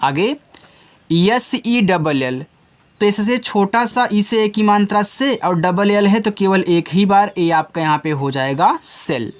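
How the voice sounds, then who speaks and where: A high-pitched male English teacher patiently spells every word letter by letter in a slow phonics lesson, speaking to the learners as children.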